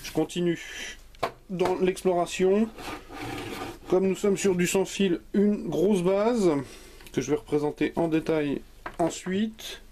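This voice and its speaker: A man's voice: high-pitched, slow pace, pauses often, slight background noise. A man hosting a hardware video channel, chatting jokily and casually as he unboxes a product live. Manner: jokey, lively, chatty. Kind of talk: unscripted unboxing commentary.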